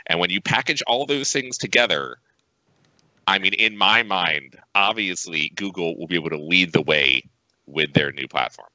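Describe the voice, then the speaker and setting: A man co-hosting an esports talk show in casual panel chat, often talking with deadpan sarcasm. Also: low-pitched, moderate pace, dry recording, muffled recording.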